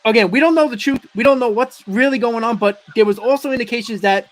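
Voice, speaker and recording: A man's voice: very high-pitched, fast, rough recording. A man hosting a casual sports talk show, his voice froggy and congested as he is sick with the flu. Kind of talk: casual baseball fan talk.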